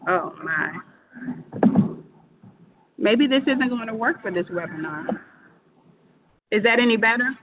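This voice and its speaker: A woman's voice: a little high, unhurried, pauses often. A woman presenting on a video call. Her voice sounds hollow and echoing, as if she is in a tunnel. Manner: polite, organized, steady explaining. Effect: hollow echoing tunnel sound on her mic. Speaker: webinar presenter. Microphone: computer mic on a video call. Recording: phone-like narrow sound with faint noise.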